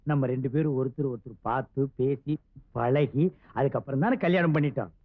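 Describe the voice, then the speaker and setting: An actor playing a TV shop owner who speaks in theatrical, hammy comic film dialogue. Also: male voice, medium pitch, close to an everyday voice. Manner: theatrical, hammy, swings between slow and rushed. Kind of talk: 1990s film comedy dialogue. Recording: dull, dry old film soundtrack.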